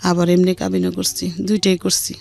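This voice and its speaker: A middle-aged woman with a colloquial Dhaka Bengali accent, a guest on a radio show, candidly recounts her life story in an earthy, unpolished way, acting out what people said. Her lowish voice moves at normal speed with vocal fry, the recording is dry, and music plays in the background.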